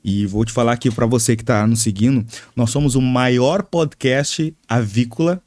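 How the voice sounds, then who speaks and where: A man's voice: mid-range voice, normal speed, darkish tone. A man from southern Brazil with a gaúcho accent, hosting a podcast interview in an upbeat presenter's manner. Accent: gaúcho Brazilian Portuguese. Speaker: podcast host.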